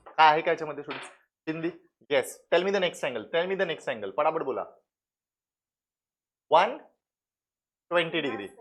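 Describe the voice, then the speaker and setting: A math tutor with a Marathi accent runs his class at a brisk clip. He fires short questions at the students and answers them himself, slipping English words in between. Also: fairly high pitch, fairly bright tone. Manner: mixes English into the teaching. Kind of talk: classroom lecture.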